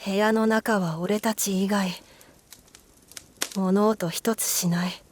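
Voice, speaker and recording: A woman narrating a scripted ghost story in a hushed, eerie manner, with deliberate pauses. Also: medium pitch, fairly even intonation, a little hiss or hum.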